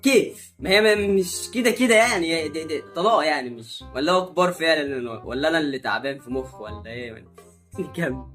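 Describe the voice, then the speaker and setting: A man's voice: fairly high pitch, lively intonation, fast, a bit bright, soft background music. A man with an Egyptian accent hosting a comic reaction video, teasing and mocking what he watches. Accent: Egyptian Arabic. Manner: mocking, teasing running commentary.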